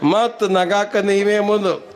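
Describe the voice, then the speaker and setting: A man's voice: high-pitched, flat delivery, takes it slowly. A man with a North Karnataka accent doing live stand-up comedy on stage, running rhyming patter and mimicking wailing women. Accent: North Karnataka Kannada. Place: live stage before a crowd.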